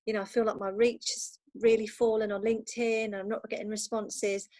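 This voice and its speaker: A woman speaks as a podcast guest from a bedroom at home, the sound dry and close. She is agreeable and reflective, often affirming with a quick "absolutely.". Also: mid-range voice, little pitch movement, darkish tone, no room sound. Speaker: virtual assistant, guest. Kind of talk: casual chat.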